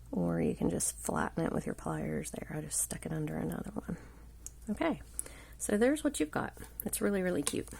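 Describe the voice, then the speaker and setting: A gravelly-voiced woman, congested from a cold, chats through a relaxed live craft tutorial, with an overhead camera filming her hands at an indoor table. Her voice sits on the low side and is a little mellow. She meanders and often lets her words sink to a murmur.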